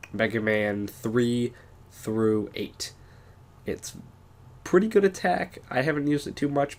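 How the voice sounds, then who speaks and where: Guy with a sick voice doing a casual game first-impressions vlog, kinda low pitched, stumbles and restarts a lot. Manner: halting, many "uh" fillers and restarts. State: sick, congested voice. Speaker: gaming channel host.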